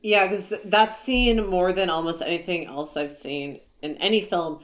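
Lady cohost chatting about movies, kinda low voice, laughs a lot. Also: a little slow. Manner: easygoing, laughs often while recounting scenes. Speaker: podcast co-host. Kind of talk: casual movie review chat.

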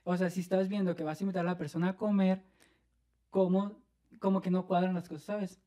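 A man with a Mexican accent telling an animated story on a podcast, laughing and acting out what people said. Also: high voice, a little fast. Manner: animated, laughing, acts out quoted voices. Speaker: podcast co-host. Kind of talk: casual storytelling chat.

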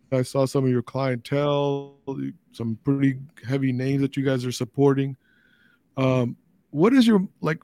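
A man's voice: mid-range voice, darkish tone, no room sound, clean studio sound. A middle-aged man hosting a podcast, asking loose, friendly questions. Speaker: podcast host. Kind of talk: casual interview chat.

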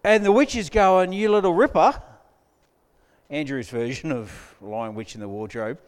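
A man's voice: mid-range voice, very animated, normal speed, clear, resonant tone. A man preaching a sermon as pastor, conversational with joking asides to the congregation, on a mic in a church hall. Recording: long hall reverb.

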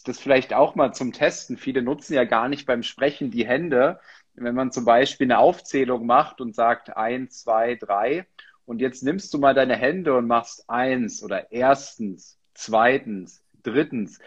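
A man hosting a podcast interview, talking in a hesitant way and filling his pauses with many "ähm" sounds. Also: mid-range voice, husky. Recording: dull, lo-fi sound.

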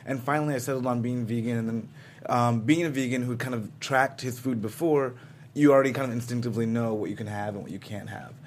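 A man's voice: medium pitch, steady tone, quick pace. A man hosting a talk show, talking about his own diet in an upbeat, conversational way. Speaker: host. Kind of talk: casual talk-show chat.

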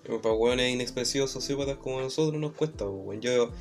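A man with a Chilean accent co-hosting a casual chat, talking in a flat, monotone way and using plenty of local slang. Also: medium pitch, brisk, soft background music. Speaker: co-host.

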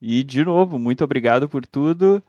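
A man's voice: mid-range voice, lively intonation, moderate pace, mellow, dry recording, lo-fi sound. A man with a southern Brazilian gaúcho accent, talking casually as a podcast interview host. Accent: southern Brazilian, Rio Grande do Sul.

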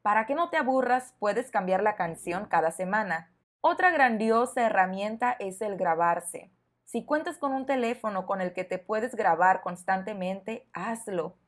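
A woman hosting a podcast lesson for learners, speaking clearly and encouragingly to the listener. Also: medium pitch, animated, a little slow. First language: Spanish. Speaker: Spanish teacher, podcast host.

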